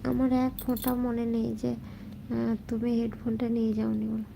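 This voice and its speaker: A woman hosting a casual late-night live chat, talking softly and answering viewer comments as they come in. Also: on the high side, flat delivery, brisk, vocal fry, noisy background. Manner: speaks softly so as not to wake sleeping family. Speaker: live stream host chatting with viewers.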